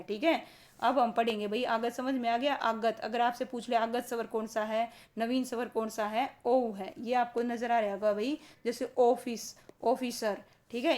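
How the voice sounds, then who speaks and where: A woman teaching a grammar lesson for exam students, who keeps asking the class questions and answering them herself and slows down to stress key terms. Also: on the high side, a little mellow.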